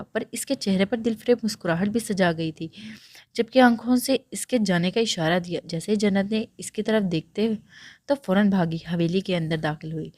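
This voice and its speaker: Brief: a woman reading a romance novel aloud, steady pace, dry booth sound. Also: mid-range voice, dry recording. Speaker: novel narrator.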